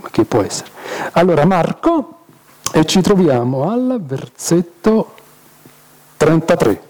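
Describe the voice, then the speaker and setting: A man's voice: fairly high pitch, dark tone. A man teaching an informal Bible study, chatty and jokey, tossing in rhetorical "eh?" asides.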